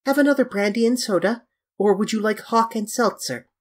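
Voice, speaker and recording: In an audiobook story, a man voices a flippant, petulant young English gentleman whose manner is airy, affected and dismissive. He pushes his voice up, making it high-pitched, and delivers the lines briskly.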